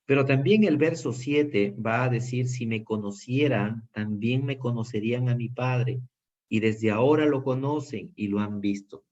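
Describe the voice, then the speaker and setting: Speaking at a measured pace in a mid-range, somewhat mellow voice, a man with a Peruvian Spanish accent leads a Bible lesson. His delivery is sincere but full of fillers and false starts, captured on a dull, lo-fi recording.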